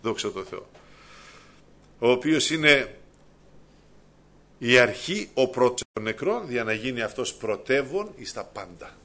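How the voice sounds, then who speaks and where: A man preaching a sermon, addressing his congregation as brothers, swinging between quiet reflection and loud fervent peaks. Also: medium pitch, expressive, pauses often.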